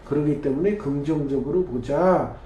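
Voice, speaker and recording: A man's voice: on the high side, normal speed, mellow, a little hiss or hum. A male pastor giving a sermon in a chatty, conversational manner, often tagging his points with a questioning "eh?". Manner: conversational, tags lines with rhetorical "eh?". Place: church. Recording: echoey church room.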